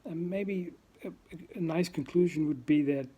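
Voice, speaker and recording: A vlogger from the Netherlands, Dutch accent audible, talks unscripted to camera for his very first vlog, hesitant and searching for words with lots of ums and uhs. His voice sits on the high side yet has a dark tone and a breathy edge, at normal speed. The sound is lo-fi.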